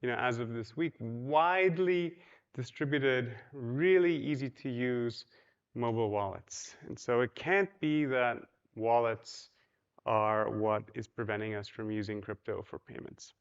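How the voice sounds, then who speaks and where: A conference speaker from Poland talks casually in a large hotel ballroom, using many ums and you-knows and putting questions to listeners. His mid-range voice is smooth and unhurried, captured with lo-fi sound.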